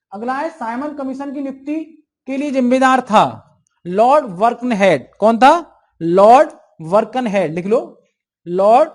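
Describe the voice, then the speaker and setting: A man's voice: very high-pitched, darkish tone. A male teacher lecturing an exam-prep class, asking questions and answering them himself.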